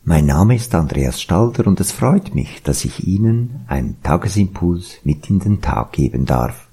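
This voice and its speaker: A man hosts a devotional spot and reads a story in a low, husky, gravelly voice. He speaks slowly, and his pitch swings widely as he tells it. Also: big pitch swings, mellow. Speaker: devotional radio host.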